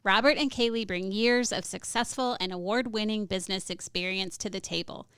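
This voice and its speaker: A woman's voice: medium pitch, a little fast, fairly bright tone, clean tone, no echo, clean studio sound. A woman co-hosting a podcast, introducing her guests in an upbeat, articulate way. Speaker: podcast co-host.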